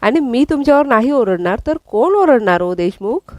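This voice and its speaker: Woman reading apologetic young woman, pleading tone, higher voice, dry sound. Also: sing-song, normal speed, darkish tone, dry recording. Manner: pleading, then cheerful. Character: young woman, apologetic, lively, affectionate student. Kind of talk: recounted serial dialogue.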